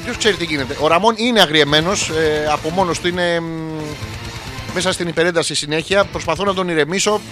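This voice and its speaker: A man's voice: fairly high pitch, music in the background. A man in his forties hosting a comedic radio show, rambling crudely through listener messages with sudden outbursts. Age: 40s. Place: radio studio.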